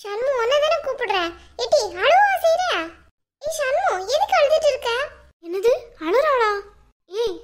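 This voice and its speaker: A woman voicing shrill bossy sister Malar. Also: expressive, moderate pace. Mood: scolding. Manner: shrill, scolding questions. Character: bossy younger sister, loud and nosy.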